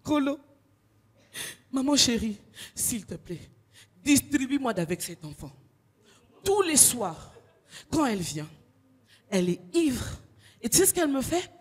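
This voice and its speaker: Sobbing tattletale pillow, a dude, woman doing the voice, husky, voice jumping all over. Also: on the high side, big pitch swings, a little slow, long pauses, big-room sound, exaggerated voice. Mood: whining. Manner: complaining, tattling in sobs. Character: whiny, melodramatic talking pillow, male.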